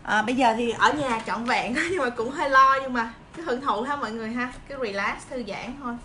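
A woman's voice: fairly high pitch, brisk, pushed and bright. A woman in her thirties from Vietnam with a southern Vietnamese accent, chatting casually and reassuringly to viewers into a phone in a small room. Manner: encouraging, reassuring. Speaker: livestream host. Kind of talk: casual chat to viewers while eating and preparing fruit. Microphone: phone propped at arm's length. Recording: clear background noise, phone video.

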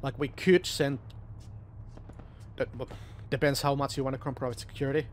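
A man's voice: medium pitch, steady tone, normal speed. A man talking tactics as a squad member in a military simulation game, over voice chat. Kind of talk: tactical game chatter, switching between Finnish and English. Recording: game voice chat with background noise.

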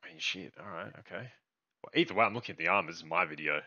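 Young male host, low bright voice, loose and profane, close dry lo-fi mic. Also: fast talker, dry recording. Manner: loose, swears casually, talks to viewers. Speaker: YouTube host. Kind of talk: casual gaming chat. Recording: dull lo-fi sound.

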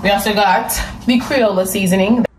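Speaking at a moderate pace, this medium-pitched, steady-toned woman hosts a casual cook-along chat, talking directly to her audience as she cooks at home. She's a chatty cooking vlogger in her twenties, recorded by a camera across the room on a distant mic in an echoey kitchen, with faint music behind her and pots and dishes clattering.

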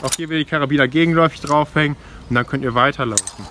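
Speaking very fast in a slightly high voice, a man in his 20s runs an informal safety briefing with a demonstration as a climbing instructor. The setting is a forest ropes course outdoors, recorded clearly on a camera mic a few steps off, with passing vehicles, clinking gear and outdoor background.

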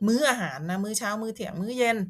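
A woman's voice: fairly high pitch, very fast, a bit bright. A woman from Thailand teaching a language lesson, explaining vocabulary patiently and repeating words to model how they sound.

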